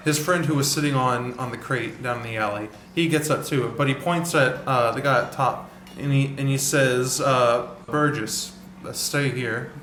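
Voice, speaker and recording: Male game master, middle pitch, loose rambling narration, echoey room sound. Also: fairly even intonation, normal speed, hardly any pauses, a bit bright, a little hiss or hum. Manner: rambling, many fillers and restarts.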